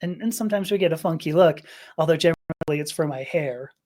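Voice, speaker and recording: A woman's voice: low voice, fast talker, darkish tone. Rambling, emotional woman from Los Angeles. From Los Angeles, USA. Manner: rambling, emotional storytelling with laughs and restarts. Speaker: podcast guest. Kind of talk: personal storytelling in an interview.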